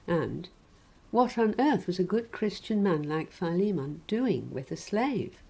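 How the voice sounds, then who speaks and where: A woman preaching a sermon in a measured, gently wry reflective way. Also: fairly low pitch, animated, vocal fry, husky, poor audio.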